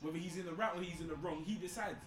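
A man with an urban London accent argues his football opinions casually and quickly. His voice is on the higher side, recorded in a roomy space with others around. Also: faint music behind. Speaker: football podcast panellist.

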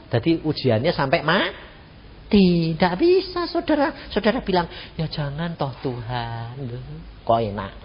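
A man, preaching a sermon as pastor, telling a family story with lively acted-out voices. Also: on the high side, a little hiss or hum. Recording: dull radio broadcast in a reverberant hall.

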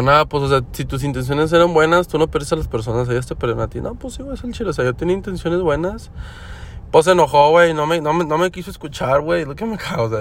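A man's voice: a little high, gravelly. Slangy young Mexican man rambling. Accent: Mexican Spanish. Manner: slangy, rambling, heavy use of fillers. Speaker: podcast host. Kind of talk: casual everyday monologue. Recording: faint background noise.

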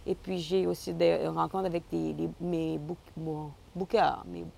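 A Québécois woman with a low voice and a gravelly, creaky edge. She is a singer guest who chats easily, laughs often and restarts her sentences as she tells her story. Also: little pitch movement, unhurried, warm tone. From Côte-Nord, Quebec. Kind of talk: casual interview.

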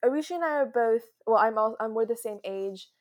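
A young woman from France, guesting on a podcast over a video call, talks casually in a fairly high, brisk voice. She giggles, rambles a bit, and pokes fun at herself during the interview.

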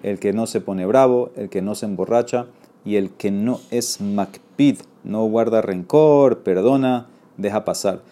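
Guy teaching a talmud class, mellow low-key tone, reads then explains and asks ok?. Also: measured pace.

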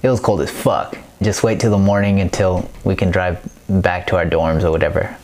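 A man's voice: low-pitched, steady tone, normal speed, darkish tone. A young man hosting a podcast, telling a story in a loose, profane way with lots of laughs. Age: young adult. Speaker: podcast host. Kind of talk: casual storytelling.

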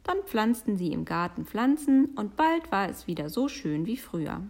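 A woman reading a children's story aloud in an expressive, sing-song storytelling manner. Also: mid-range voice, normal speed. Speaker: storybook reader.

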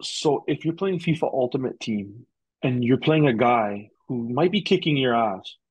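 A young man in casual podcast chat with a husky, slightly rough voice, wandering through his points and often restarting his sentences. The recording is dry and close, with no room sound. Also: mid-range voice, lively intonation, moderate pace, no room sound. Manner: rambling, heavy use of "like" and restarts. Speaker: podcast guest.

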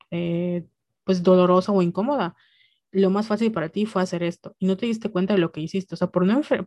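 A woman's voice: mid-range voice, dry recording. Chatty Mexican woman telling a story. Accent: Mexican Spanish. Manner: animated retelling with slang and quoted dialogue. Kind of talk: casual storytelling chat.

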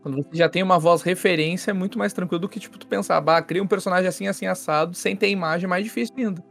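Um homem apresentador de podcast faz perguntas de entrevista descontraída. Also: male voice, high voice, steady tone, vocal fry, a bit bright, faint music behind. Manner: fast, prompting follow-up questions. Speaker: podcast host. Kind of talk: casual interview questions.

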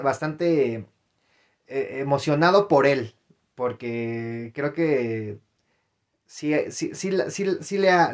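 A young adult man with a Mexican accent talks casually to his podcast listeners. His voice sits at a middle pitch. He rambles, restarts his sentences and drops in slang and fillers as he thinks aloud. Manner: rambling, frequent fillers and self-corrections, slangy. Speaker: podcast host. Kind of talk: casual solo podcast commentary.

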